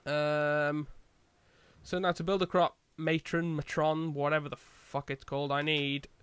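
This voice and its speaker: A man's voice: a little high, flat delivery, measured pace, fairly bright tone, smooth, no echo. A man chatting casually as he co-hosts a gaming video, bantering in an exasperated, sweary way. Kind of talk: casual chat while playing Minecraft.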